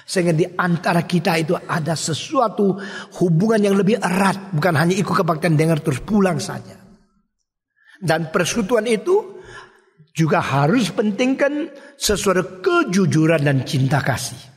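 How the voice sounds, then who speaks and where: An older man delivers a sermon, his voice pitched high and his delivery emphatic. He swings between quiet low murmurs and sudden high outbursts. The sound carries a long reverb, as in a large church hall. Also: animated, normal speed. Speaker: pastor.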